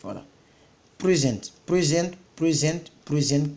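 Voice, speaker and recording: A man's voice: fairly high pitch, animated, takes it slowly, creaky, a little mellow. Man repeating vocabulary words. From Côte d'Ivoire. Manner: repeats each word several times, then explains it. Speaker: self-taught English vocabulary tutor. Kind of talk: casual vocabulary lesson.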